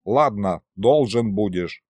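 A man's voice: mid-range voice, very animated, a little slow, a little mellow, no room sound. A man voicing a sly, bargaining ancient ghost sorcerer in an audiobook. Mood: grudging. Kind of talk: audiobook character voice.

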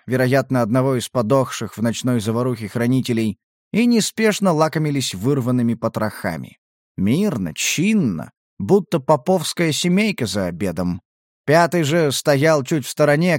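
A man's voice: mid-range voice, dry recording, studio quality. A man reading a first-person audiobook in a tense, dramatic storytelling manner. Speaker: audiobook narrator. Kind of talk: scripted first-person narration.

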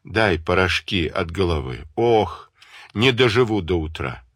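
A man's voice: low voice, expressive, unhurried, fairly bright tone, slightly rough, no room sound, studio quality, exaggerated voice. A man voicing a frightened, complaining old mother who groans and wails. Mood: wailing. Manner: groaning, wailing.

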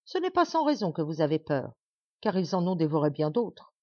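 A woman's voice: fairly low pitch, sing-song, normal speed, mellow, dry recording, lo-fi sound. A woman voicing a disdainful little male dwarf, a brash, mocking scoundrel in a storybook reading. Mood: scheming.

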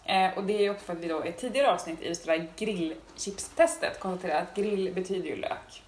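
A Swedish woman hosting a casual chat podcast, relaxed and hesitant with many fillers. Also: lowish voice, slight background noise. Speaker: podcast host. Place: indoor room with rain outside. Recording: roomy room, rain on window.

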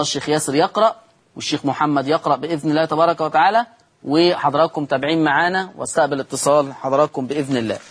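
On television, a man with an Egyptian Arabic accent teaches the rules of Quran recitation, walking through them step by step and answering questions he poses himself. His voice is fairly high in pitch and husky.

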